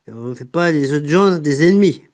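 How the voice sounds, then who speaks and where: Guy on a live chat, bit high voice, keeps stalling and saying things twice. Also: animated, darkish tone. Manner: halting, repeats himself. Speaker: guest. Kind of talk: casual live audio chat.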